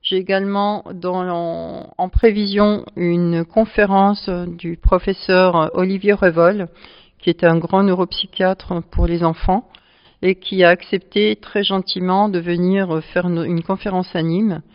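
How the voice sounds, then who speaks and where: A woman who presides over a charity club, answering interview questions at length and pausing often to find her words. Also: lowish voice, fairly even intonation, no echo. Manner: explanatory, speaks at length with frequent hesitations. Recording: dull lo-fi sound.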